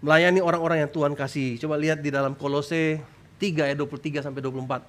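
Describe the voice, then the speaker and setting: Pastor, male, high voice, emphatic sermon with sudden prayerful cries. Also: fairly even intonation, rapid-fire, fairly bright tone. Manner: emphatic preaching, often tags lines with "saudara"; voice jumps high when crying out prayers. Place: church stage.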